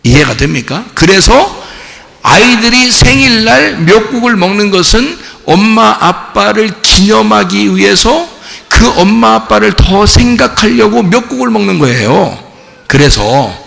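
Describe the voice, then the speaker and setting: A man preaches a sermon in a church, his voice high, bright and gravelly, swinging widely in pitch as he fires questions at the congregation. The sanctuary leaves a long reverb trail behind every phrase. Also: moderate pace. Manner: animated, rhetorical questions to the congregation, acts out quoted voices. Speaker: pastor.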